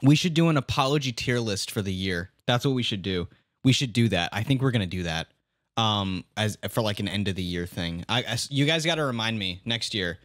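A man's voice: on the low side, animated, fairly quick, fairly bright tone, no echo, clean studio sound. A young man streaming, reacting to a video in casual commentary, exasperated and swearing as he rants.

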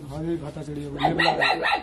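A man's voice: fairly high pitch, little pitch movement, brisk, over music. A man working as an animal catcher, talking bluntly and matter-of-factly. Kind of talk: casual conversation. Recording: echoey, distant, very noisy.

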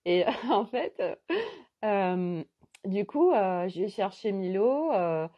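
A middle-aged woman, a holistic coach, telling a rambling, animated story in a casual live stream. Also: medium pitch, slow. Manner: rambling, chatty, animated retelling. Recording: dull lo-fi sound.

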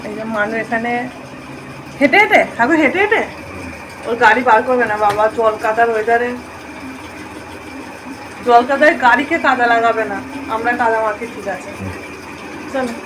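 Brief: woman vlogger, high voice, chatty and friendly with viewers, noisy home recording. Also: moderate pace, long pauses. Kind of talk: casual home vlog chat.

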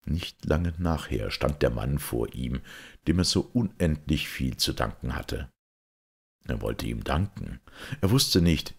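Gravelly, very deep male narrator. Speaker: audiobook reader. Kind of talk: scripted narration.

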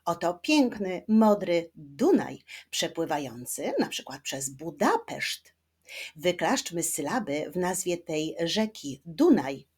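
Slow, lively-voiced woman teacher. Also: lowish voice, husky. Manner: slow, carefully spaced speech, stretching words syllable by syllable; gently encouraging, addressing young viewers directly. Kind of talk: children's reading lesson.

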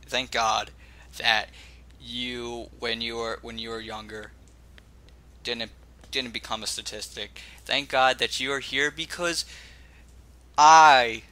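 A man's voice: medium pitch, steady tone, a little slow, pauses often, sharp tone, no room sound. A male interview host, speaking with emphatic gratitude and stammering restarts. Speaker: podcast host. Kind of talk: interview talk.

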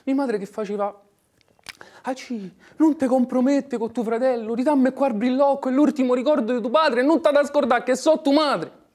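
A man acting an anguished working-class son in a dramatic monologue, with a Roman dialect accent, moving between hushed murmurs and impassioned outbursts. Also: fairly high pitch, a little slow, long pauses, lightly acted. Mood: anguished, heated. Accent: Roman (old Romanesco dialect). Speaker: actor.

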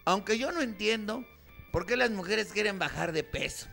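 A man's voice: high-pitched, expressive, moderate pace, gravelly, bright, forceful tone, faint music behind. A man with a Mexican accent doing a stand-up comedy routine, acting out both sides of a couple's quarrel.

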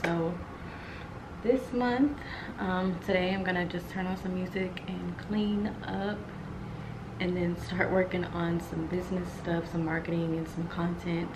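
A lifestyle vlogger in her twenties talks casually to camera indoors in her apartment, chatty and full of fillers. She speaks unhurriedly at a fairly low pitch with fairly even intonation, and there's background noise.

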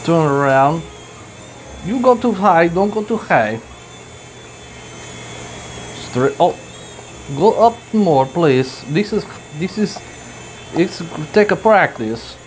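Man in halting broken English, high voice. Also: lively intonation, slight background noise. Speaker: RC hobby vlogger. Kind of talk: casual vlog commentary. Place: indoors at home.

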